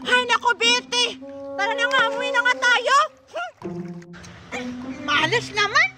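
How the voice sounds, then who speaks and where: A woman's voice: extremely high pitch, measured pace, recorded from a distance, loud music behind the voice. A woman voicing a bossy, gossipy girl friend who talks in a pushy, dramatic way.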